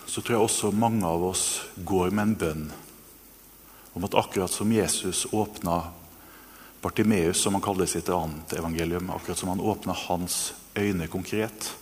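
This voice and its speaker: A man preaching a sermon, retelling a story with earnest energy and then guiding listeners through a quiet reflection. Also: low voice. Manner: earnest, animated storytelling that later turns soft and hushed. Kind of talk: sermon with guided meditation. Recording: long reverb in a hall, faint noise.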